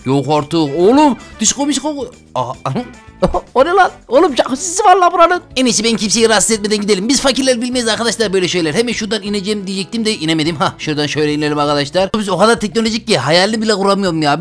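A young man giving excitable, chatty commentary on a game, talking straight to his viewers. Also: sits high. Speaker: gaming YouTuber. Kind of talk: casual Let's Play commentary.

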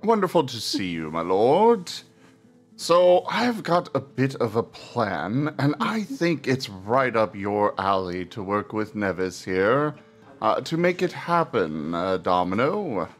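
A man plays a smooth-talking, eager fixer in tabletop role-play. The delivery is ingratiating and very animated in pitch. Light music runs behind. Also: slow, exaggerated voice.

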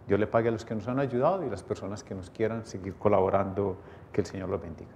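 Priest praying at the altar. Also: male voice, fast talker, a little mellow. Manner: earnest, pleading appeals. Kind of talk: closing prayers and blessing at Mass. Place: small chapel studio at an altar. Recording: chapel reverb with faint rumble.

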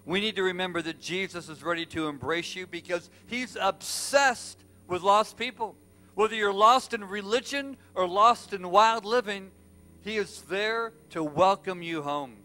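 A male pastor preaching a sermon, telling a story with passion and swinging from loud to hushed. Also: sits high, a little slow.

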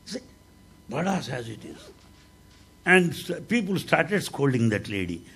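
An older man with an Indian accent giving a devotional talk, telling stories with humor and a raspy voice. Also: mid-range voice, a little slow. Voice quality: raspy, gravelly. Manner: animated storytelling with humor. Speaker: spiritual speaker.

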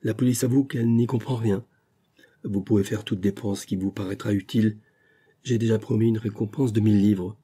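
A man narrating a classic detective story as an audiobook, in a measured, steady storytelling voice. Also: lowish voice, breathy edge. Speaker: audiobook reader.

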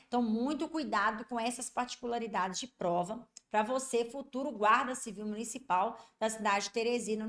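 A Brazilian woman teaching a Portuguese grammar lesson for exam candidates. She keeps checking that students follow and draws out example words slowly. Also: on the high side. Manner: repetitive, constantly checking understanding.

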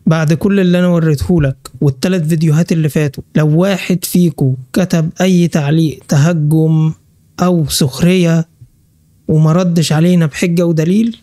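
A man's voice: on the high side, fairly even intonation, warm tone, dry recording, studio quality. A man with an Egyptian Arabic accent hosting a crypto channel. He walks through a list on screen and scolds hostile commenters. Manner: brisk list-reading walkthrough. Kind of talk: screen-share vlog commentary.

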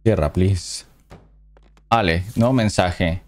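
A man's voice: sits low, slow pace. A man commentating a horror game as he plays, reading the game's dialogue aloud between casual reactions. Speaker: gameplay commentator. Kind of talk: let's play commentary.

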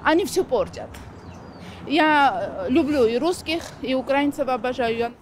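A woman's voice: sits high, animated, unhurried, crowd noise. A middle-aged woman from Georgia giving a blunt, emphatic street interview. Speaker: passer-by. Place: city sidewalk outdoors. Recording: street noise outdoors.

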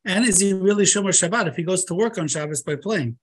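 A middle-aged man with a fairly high, rough-edged voice hosts a religious discussion. He is questioning and pointed, speaking into a headset mic on a video call. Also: fast. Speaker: host questioning a rabbi. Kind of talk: question-and-answer moderation. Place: book-lined study, video call. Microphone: headset microphone.

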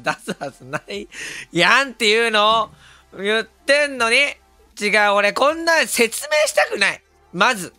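A hoarse man, talking casually on stream, excitable and quick to laugh or yell. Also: high voice, no echo. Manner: excitable, switches between laughing and yelling. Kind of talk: casual stream talk reacting to comments.

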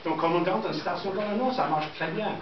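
A middle-aged man from southern England, a native English speaker with an English accent, teaching a school class in simple, halting phrases with repetitions. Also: high voice. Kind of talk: classroom lesson. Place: indoor school classroom with pupils. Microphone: distant camera microphone. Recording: echoey noisy classroom, muffled, from far off.

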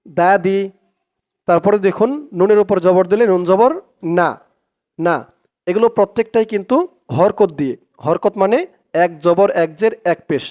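A man's voice: high voice, darkish tone. A man teaching Quran reading in Bengali with a Bangladeshi accent, patiently spelling out and repeating each syllable. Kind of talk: slow step-by-step lesson.

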